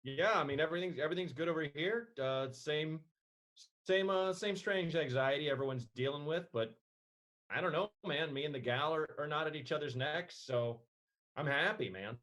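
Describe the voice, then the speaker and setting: A man co-hosting a comedy podcast, laid-back and wry, quick to laugh. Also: a little high, a bit bright. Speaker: podcast co-host. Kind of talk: casual comedy chat.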